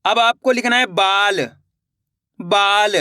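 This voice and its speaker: High bright male Hindi teacher drilling words. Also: slow pace. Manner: repetitive call-and-response drilling, sounding words out syllable by syllable. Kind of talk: children's spelling lesson.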